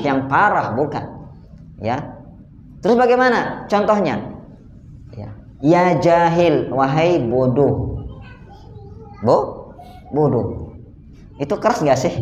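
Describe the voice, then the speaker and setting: An Islamic teacher gives a religious study lecture in a mosque hall, speaking conversationally, asking rhetorical questions, and addressing listeners directly as "sir". His voice is high. The recording is roomy, dull, and lo-fi, with slight background noise.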